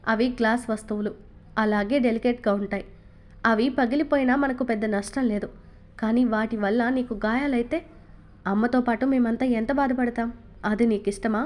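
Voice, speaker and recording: A woman reading a novel aloud and voicing a patient father who gently soothes his little son. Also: a little high, natural voice. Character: calm, gentle father of young children.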